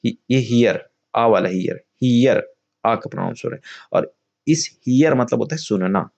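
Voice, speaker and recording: A man's voice: medium pitch, lively intonation, unhurried, gravelly, a little mellow, lo-fi sound. A man teaching English vocabulary in Hindi. He often asks a question and answers it himself, repeats key words, and calls his viewers friends.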